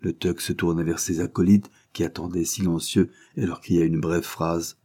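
Brief: male audiobook narrator, very low husky voice, dark tone, steady measured reading. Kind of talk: audiobook reading of an adventure novel.

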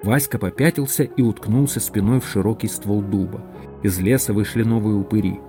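A man with a fairly low voice reads an audiobook in steady, measured scripted narration. Faint music plays softly underneath his reading.

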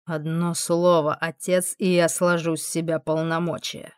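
A woman voicing a proud male demon lord who speaks slowly and with a sneer. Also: deep voice, little pitch movement, clear, resonant tone, no room sound, clean studio sound. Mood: cold.

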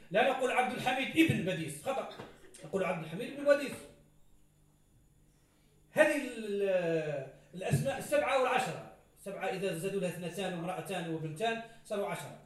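A man lectures on grammar in a classroom. His voice sits high, and he fires off example after example and quizzes his students. He is recorded from across a very echoey room. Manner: explains with many examples and questions to students. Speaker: grammar teacher. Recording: roomy echo, from far off.

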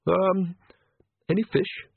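A jittery, apologetic young priest who stammers through every sentence, pitched well above a plain voice, as a man puts him on. Husky and breathy, heard over a thin, phone-like line. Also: fairly even intonation, slow pace, dry recording, exaggerated voice. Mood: fretful. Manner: stammering, hesitant, full of ums.

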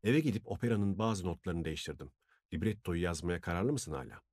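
A man's voice: deep voice, animated, fairly quick, a little mellow, no room sound, clean studio sound. Wilbur, an earnest older composer, as a man reads him.

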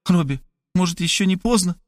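A man's voice: sits high, animated, a little fast, no echo, clean studio sound, voice pushed up. A man reading an audiobook and voicing the narrator's sister, an emotional young woman who talks in a plaintive, sighing, pleading way. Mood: remorseful.

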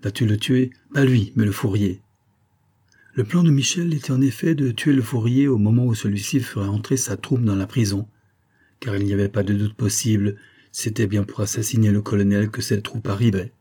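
Male narrator for a classic novel: low, mellow voice, steady delivery. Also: slightly rough. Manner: steady, measured storytelling. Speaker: audiobook narrator. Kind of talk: scripted literary narration.

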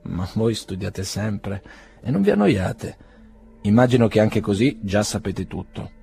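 A man's voice: on the low side, animated, a little slow, creaky, dark tone, soft background music. A man reading as a shy young woman.

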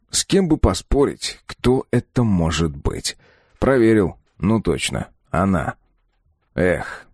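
A man narrates a first-person audiobook in a very low, dark voice. He tells it gruffly and bluntly, matter-of-fact. The recording is dry and close, with no room sound. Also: no echo. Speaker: audiobook reader.

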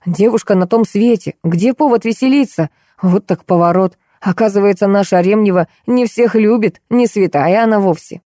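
A woman voicing a sharp-tongued, sarcastic woman artist with a mocking delivery. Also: mid-range voice, normal speed, hardly any pauses, no echo, clean studio sound, lightly acted. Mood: scornful. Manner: mocking, biting.

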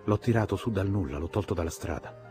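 A man's voice: sits low, fast talker, over music, natural voice. A man voicing a solemn, sentimental older businessman who talks in a grave, ingratiating way.

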